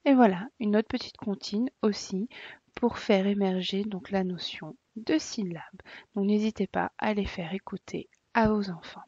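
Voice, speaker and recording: Husky soft-spoken woman teacher. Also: medium pitch, unhurried, dry recording. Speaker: preschool teacher. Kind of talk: explaining to parents. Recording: dull lo-fi dry sound.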